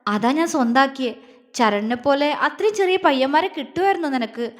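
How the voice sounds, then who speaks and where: Woman reading as an older husband, tender, anxious, pleading, high voice, long hall reverb. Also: expressive, normal speed. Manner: pleading, emotional questions.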